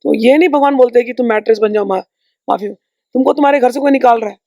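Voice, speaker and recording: Woman spiritual teacher, gravelly and forceful, podcast chat, dry close sound. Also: fairly high pitch, fast talker, no echo. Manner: emphatic, storytelling with sharp rhetorical asides. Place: indoor podcast recording.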